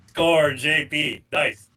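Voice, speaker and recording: A man's voice: a little high, sharp tone, a little hiss or hum. A man trading joking banter at a tabletop game. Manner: wisecracking. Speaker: player.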